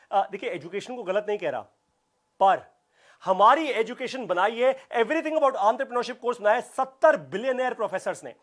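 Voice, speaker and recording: A man leading a live online business class, talking with high energy, speaking emphatically and repeating phrases for punch. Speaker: business coach.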